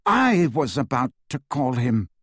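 Cast a man playing a haughty nobleman wizard, cold and commanding, husky tone. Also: medium pitch, big pitch swings, measured pace, dry recording, studio quality. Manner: cold and imperious. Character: haughty aristocratic male wizard, proud.

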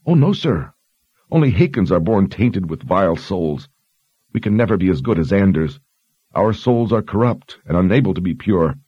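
A man's voice: sits low, animated, moderate pace, husky, dry recording, highs cut off, pitched above the performer's own voice. A man voicing a frightened, dutiful young woman sergeant who speaks earnestly and deferentially. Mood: anxious.

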